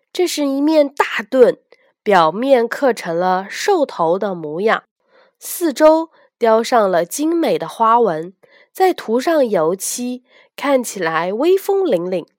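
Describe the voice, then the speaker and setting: Give me a gentle woman reading a bedtime story to children, lively in pitch and a little high. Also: no room sound, studio quality.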